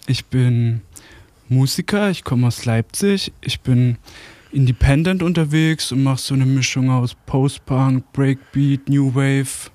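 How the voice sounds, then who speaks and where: Easygoing young musician guest. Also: male voice, medium pitch, takes it slowly, a little mellow. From Karlsruhe area, Germany. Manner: casual, slangy, easygoing. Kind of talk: casual radio interview. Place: radio studio.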